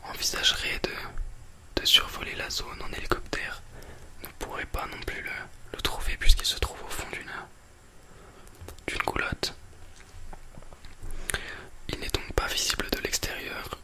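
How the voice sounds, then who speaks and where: A person speaking in a soft, breathy library whisper, presenting a book and film as an ASMR host close to a binaural microphone. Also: a little slow, long pauses.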